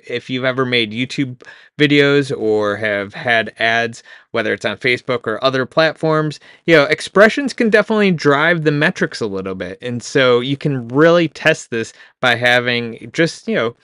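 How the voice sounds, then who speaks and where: A man hosting a casual software tutorial, talking in a relaxed way with frequent chuckles and fillers. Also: mid-range voice, smooth, dry recording, clean studio sound. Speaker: tutorial host.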